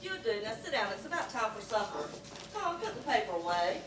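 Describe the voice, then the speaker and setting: Actress as scolding caring mom, stage drama, animated intonation, distant pickup, noisy room. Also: female voice, fairly high pitch, a little fast. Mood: fussing. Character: bustling, caring, mildly scolding mother of grown sons. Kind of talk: community theatre stage acting. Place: theatre stage, picked up from far off. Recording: distant echoey stage recording, clear noise.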